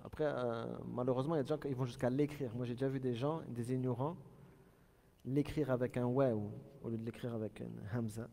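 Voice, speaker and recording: Man, religious teacher, mellow voice, long reverberant space, repeats phrases slowly. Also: mid-range voice, steady tone. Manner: explains by repeating and demonstrating Arabic phrases slowly. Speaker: Islamic teacher. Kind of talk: religious lesson.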